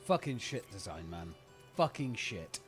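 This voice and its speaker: A man's voice: on the low side, big pitch swings, unhurried, soft background music. Swearing British man streaming a game. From United Kingdom. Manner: exasperated, profane ranting. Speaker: streamer playing a video game. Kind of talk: casual live-stream commentary.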